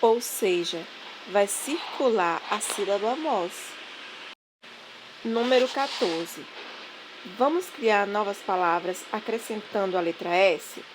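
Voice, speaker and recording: A woman teacher giving a language lesson, dictating syllables slowly and clearly. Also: mid-range voice, noisy background. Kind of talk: online classroom lesson.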